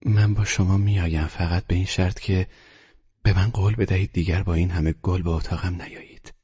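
A man voicing a guarded, wry young woman with a husky, raised voice in a dull, lo-fi audiobook recording. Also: low voice, steady tone, mellow, pitched above the performer's own voice.

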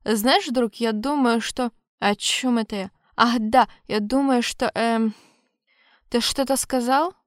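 A woman's voice: a little high, slow, no room sound, studio quality. A woman voicing a possessed young female elf whose voice swings between wailing, drunken slurring and cold threats.

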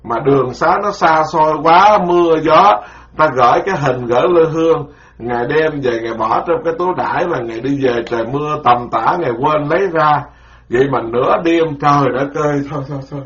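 Folksy monk lecturing. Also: male voice, fairly high pitch, a little fast, fairly bright tone. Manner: folksy, colloquial, acts out voices in anecdotes. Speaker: Buddhist monk teacher. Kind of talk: dharma lecture with storytelling. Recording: roomy, dull lo-fi recording.

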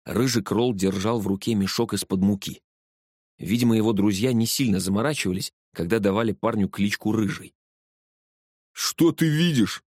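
Low-voiced man reading a story. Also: steady tone, brisk, a little mellow, breathy edge, no room sound, clean studio sound. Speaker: audiobook narrator. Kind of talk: scripted first-person narration.

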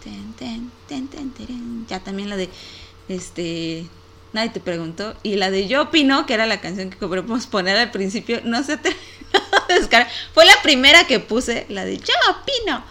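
A woman's voice: medium pitch, expressive, normal speed, sharp tone. A young woman hosting a casual online show, chatting and giggling to her viewers with a lot of "este" filler. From Mexico. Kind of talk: casual live-stream chat.

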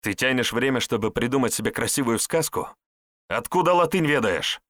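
A man's voice: medium pitch, lively intonation, a little fast, a bit bright, no room sound, studio quality, pitched above the performer's own voice, natural voice. A man voicing a blunt, sardonic male hero who speaks in a mocking, scornful way. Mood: threatening. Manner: mocking, scornful, plain-spoken.

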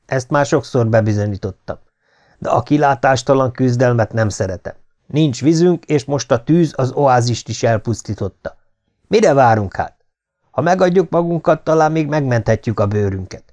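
A man reading an audiobook voices a blunt, defiant sergeant of the legion in a raised, forceful voice. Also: medium pitch, animated, voice pushed up, lightly acted. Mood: grim. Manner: blunt, grim and confrontational.

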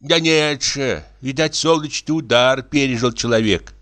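A man's voice: medium pitch, unhurried, a bit bright, voice pushed up, close to an everyday voice. A man voicing a fussy, meddling old village woman in an audiobook, lamenting in a folksy drawl.

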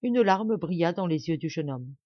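A woman narrating a classic novel as an audiobook in an expressive, dramatic reading. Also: on the low side, moderate pace, dry recording. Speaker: audiobook reader. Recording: dull dry home recording.

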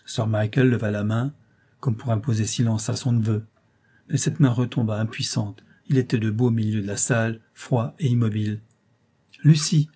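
Man, audiobook narrator, calm storytelling, mellow, husky. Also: lowish voice, moderate pace.

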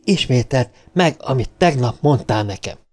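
A man reading an audiobook, voicing a hot-tempered male mathematician who blusters and shouts. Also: mid-range voice, animated, soft background music, natural voice. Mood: angry.

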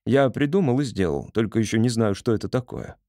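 Guy doing a young earnest inventor dude explaining his stuff, warm dry audiobook read. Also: mid-range voice, lively intonation, brisk, no room sound, close to an everyday voice. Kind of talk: audiobook character voice.

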